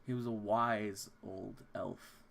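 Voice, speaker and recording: A man narrating a tabletop game as game master, setting scenes slowly and descriptively. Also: on the low side, steady tone, creaky, background noise.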